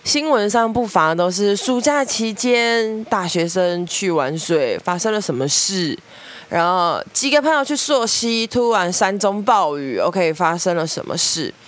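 A young woman with a Taiwanese Mandarin accent, hosting a podcast and telling family stories in a lively way, acting out relatives' voices. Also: mid-range voice, a little slow. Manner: lively storyteller, mimics family members, laughs often. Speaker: podcast host. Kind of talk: storytelling monologue.

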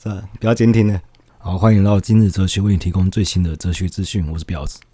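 Flat-toned man on a podcast. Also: deep voice, fast, no echo. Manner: flat, mumbled delivery with frequent laughs. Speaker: podcast co-host. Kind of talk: casual chat. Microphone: headset.

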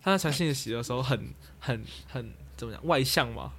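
Young male podcaster, quick and rambling, mid pitch. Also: a bit bright. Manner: rambling storyteller, trails off and restarts, laughs at own jokes. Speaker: podcast co-host. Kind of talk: casual chat.

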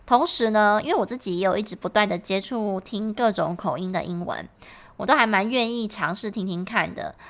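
A woman's voice: medium pitch, a little fast, a bit bright. A woman with a Taiwanese Mandarin accent, an English teacher explaining patiently in a podcast lesson.

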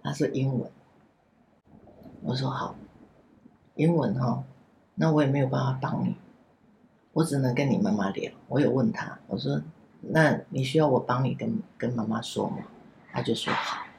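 Gravelly-voiced woman telling a story. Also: extremely low pitch, normal speed, long pauses, a little hiss or hum. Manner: gentle, animated storytelling. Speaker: after-school center director. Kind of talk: casual podcast conversation. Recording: echoey room.

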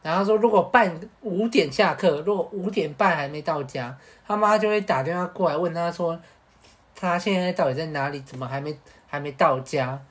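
A man with a Taiwanese Mandarin accent, a podcast co-host telling a casual, animated story with Hokkien swearing. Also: a little high, moderate pace.

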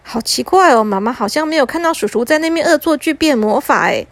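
A woman narrating a bedtime story for children in a gentle, lilting way. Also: high-pitched, expressive, dry recording. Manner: gentle, lilting with drawn-out particles.

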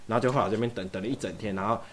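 A man's voice: lowish voice, racing, a little hiss or hum. A young man from Taiwan telling a long story in casual chat, acting out both sides of every exchange. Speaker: podcast guest.

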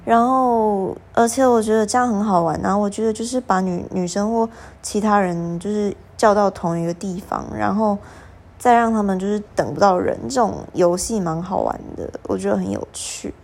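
A young woman, hosting a podcast and telling stories in a casual, animated way. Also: medium pitch, normal speed, a little hiss or hum. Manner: animated, acts out quoted exchanges. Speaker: podcast host. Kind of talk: casual storytelling monologue.

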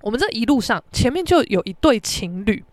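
A woman's voice: on the high side, sing-song, fairly quick, no room sound. A woman with a Taiwanese Mandarin accent hosting a podcast, telling a story in a brash, profane, dramatic way. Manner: brash, profane, dramatic, shouts out reenacted quotes. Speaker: podcast host. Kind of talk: casual storytelling monologue.

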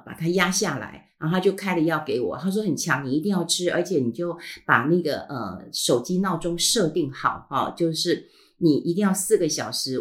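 Chatty middle-aged woman with Taiwanese accent. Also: low voice. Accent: Taiwanese Mandarin. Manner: chatty, frequent filler sounds and trailing "ha" tags. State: recovering from a throat illness. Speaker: podcast host. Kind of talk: casual personal storytelling.

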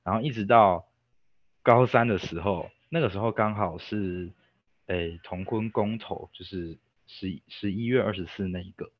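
A young man with a Taiwanese Mandarin accent tells a story as a guest, casual and rambling, often stopping himself with fillers. His voice sits low, and the sound is dry and somewhat dull and lo-fi. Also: normal speed, dry recording. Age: young adult. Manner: rambling, self-interrupting with fillers.

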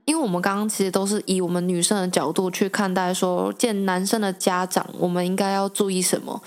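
A woman's voice: medium pitch, flat delivery, a little fast. A woman, co-hosting a podcast, leading the chat with questions and dry quips. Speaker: podcast co-host asking questions. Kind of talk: casual chat.

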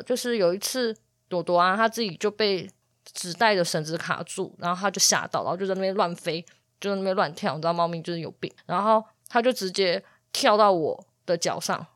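A young woman hosts a casual storytelling podcast about her pets. She talks in a middle register and retells each mishap with animated exasperation, acting out the quotes. The recording is dry and close. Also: medium pitch, dry recording. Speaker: pet communicator podcast host.

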